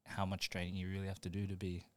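Young aussie bloke chatting on a podcast, low voice, chuckles a lot, bits trailing off, dry mic. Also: male voice, monotone, fast talker, dry recording. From New Zealand. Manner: laid-back, laughs often, trails off mid-sentence. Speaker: podcast guest. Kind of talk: casual chat.

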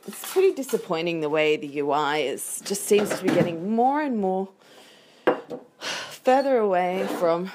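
A noisy handheld home recording of a woman hosting a casual audio diary. She is campy and theatrical, with a pitch that swoops around a lot. Her chatter is playful and candid, often interrupting itself. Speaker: podcast host. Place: recorded while walking about at home.

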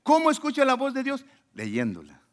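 A male pastor preaching a sermon, swinging between loud emphatic lines and low murmured asides, and acting out the voices in the story. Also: huge pitch swings, normal speed. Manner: acts out quoted voices in the story.

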